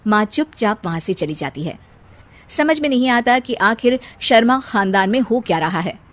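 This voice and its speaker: A woman narrating a cartoon story in a dramatic, even storytelling manner. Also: a little high, moderate pace.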